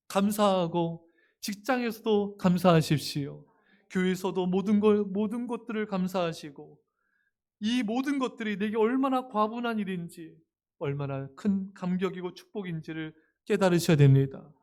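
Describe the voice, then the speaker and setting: A male pastor delivering a sermon, speaking straight to his congregation in a lively way and acting out everyday sayings with humor. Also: sits high, moderate pace. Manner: addresses the congregation directly and often; animated, acts out everyday quotes with humor.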